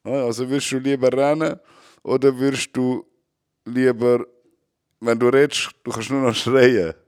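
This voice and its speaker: A young man with a Swiss German accent hosting a casual podcast chat, joking, laughing often and shouting to act out his jokes. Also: medium pitch, little pitch movement, moderate pace, dry recording, studio quality. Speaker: podcast host.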